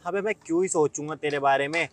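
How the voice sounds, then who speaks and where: A man's voice: on the high side, fast talker, no echo, lightly acted. A young man playing an arrogant, boastful rich man who insults his ex-girlfriend in a web skit. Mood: taunting. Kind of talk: Hindi web skit acting.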